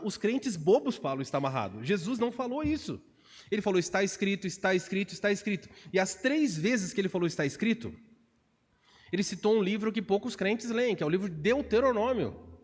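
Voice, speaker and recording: A man with a Brazilian Portuguese accent, a pastor preaching an expository sermon in a church, animated and acting out quotes in changing voices. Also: high-pitched. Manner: animated, acts out quotes with shifts of voice. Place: church sanctuary. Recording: long reverb of a church hall.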